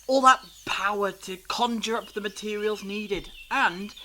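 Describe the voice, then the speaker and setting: The Doctor, a man acting a bright, high-pitched time traveller. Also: a little slow, slight background noise. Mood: triumphant, grave. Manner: theatrical, eloquent explaining. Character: the Doctor, clever, theatrical, reassuring male alien time traveller. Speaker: fan audio drama actor. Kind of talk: fan audio drama acting.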